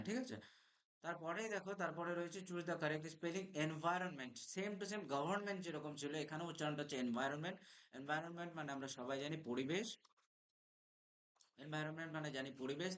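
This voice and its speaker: A man's voice: on the high side, fairly bright tone. A young man, teaching an exam revision lesson, explaining step by step and spelling words out letter by letter.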